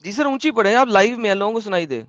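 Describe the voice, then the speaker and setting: High-voiced man hosting a heated debate. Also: lively intonation, fairly bright tone, no room sound, muffled recording. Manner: argumentative, interrupting, insistent. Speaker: live-stream debate host.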